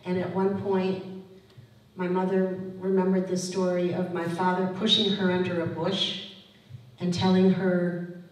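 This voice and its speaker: Older woman telling family story, flat even voice, halting, far from the mic in an echoey hall. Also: on the low side. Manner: hesitant, with fillers and restarts. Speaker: lecture speaker. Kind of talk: family storytelling at a public talk. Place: museum lecture room.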